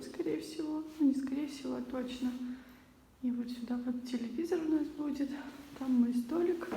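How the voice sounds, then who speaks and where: A woman's voice: high-pitched, warm tone. A woman casually showing around an empty apartment, her voice ringing with the strong echo of bare walls. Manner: chatty, showing things around. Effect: strong echo of a bare empty room. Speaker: vlogger. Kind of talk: casual video tour. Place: empty unfurnished apartment being renovated. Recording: echoey bare room, faint hiss.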